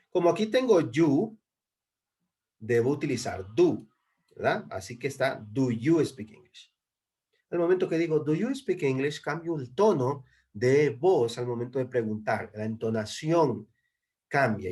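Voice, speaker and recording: Man, online lesson, patient, mid pitch, repeats points, video call sound. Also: darkish tone. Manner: patient, repeats and checks with "¿no?" and "¿verdad?". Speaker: English teacher. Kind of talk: online class explanation.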